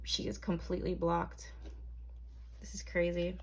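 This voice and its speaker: A woman's voice: fairly low pitch, flat delivery, a little slow, a little hiss or hum. A young woman from Barbados, reading tarot cards to camera in a chatty, hesitant way full of ums and likes. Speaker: tarot reader.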